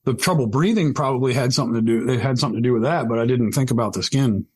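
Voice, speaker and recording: A man co-hosting a casual podcast, speaking earnestly and a bit haltingly from his own experience. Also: medium pitch, darkish tone, breathy edge. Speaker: podcast co-host.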